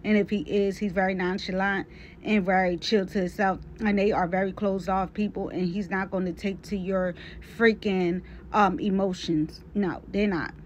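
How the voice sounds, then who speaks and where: A woman's voice: mid-range voice, fairly even intonation, moderate pace, lo-fi sound, slight background noise. A woman reading a letter aloud and reacting with blunt, scolding commentary. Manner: blunt, scolding, talks straight to the person addressed. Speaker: commentary vlogger.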